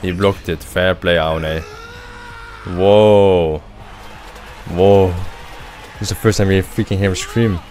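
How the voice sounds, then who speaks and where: A man's voice: low voice, fairly quick, few pauses, faint music behind. A young man hosting a reaction video, exclaiming and repeating himself as he watches an anime episode. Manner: excitable, exclaiming, repeats phrases. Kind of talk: live reaction commentary. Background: anime soundtrack playing faintly.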